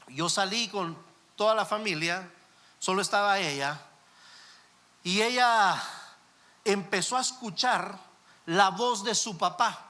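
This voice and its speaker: Pastor guy preaching, chatty, talks right to you, kinda high bright voice. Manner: conversational, addresses listeners directly with rhetorical questions. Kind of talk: sermon.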